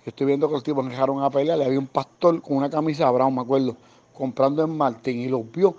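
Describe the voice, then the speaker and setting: A man's voice: mid-range voice, fast. A man with a Puerto Rican accent telling true stories from his days as a security guard in a casual, slangy way, acting out the people he quotes. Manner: animated, acts out quoted voices, slangy. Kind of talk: casual storytelling. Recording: dull lo-fi recording with faint noise.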